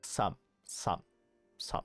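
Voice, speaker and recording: This is a woman livestreaming a game, stretching out her words in casual, rambling chat full of swearing and disbelieving reactions. Game music runs behind her voice, and there's no room sound.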